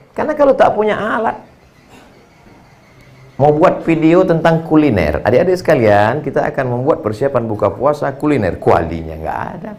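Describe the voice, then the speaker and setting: A man preaching a humorous sermon to students, animated and jokey, reciting word lists in sing-song runs. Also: medium pitch.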